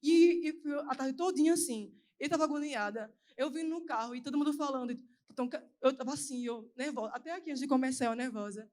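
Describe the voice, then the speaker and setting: A young woman preaching at a youth service, giving an earnest, emotional personal testimony in a quick, anxious delivery. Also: high-pitched, dark tone. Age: young adult.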